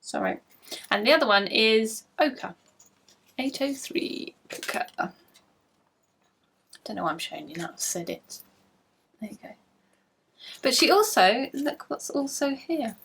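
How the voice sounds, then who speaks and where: A woman's voice: on the high side, sing-song, unhurried, pauses often, a bit bright, a little hiss or hum. A woman hosting a casual video podcast, chatty and bubbly, gushing over things she shows to the camera at home. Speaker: podcast host.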